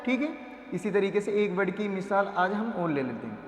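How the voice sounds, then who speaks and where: A man with a very high voice teaches Quran reading, drilling syllables one by one and answering his own questions. He drags out the long vowels slowly and patiently. The sound rings with long echo, like a big hall. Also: lively intonation. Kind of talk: patient step-by-step phonics lesson.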